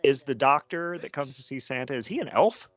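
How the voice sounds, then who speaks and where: A man's voice: medium pitch, brisk, fairly bright tone, soft background music. A man in his forties co-hosting a podcast in casual chat, playful and laughing often. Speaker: podcast co-host.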